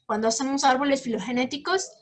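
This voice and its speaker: A woman's voice: high-pitched, fast talker. A woman giving an academic talk and answering questions, explaining patiently with frequent fillers. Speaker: guest lecturer.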